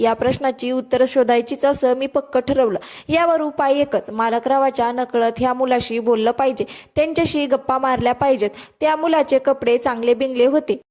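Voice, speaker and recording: A woman narrating a first-person story in a steady, descriptive storytelling manner. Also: sits high.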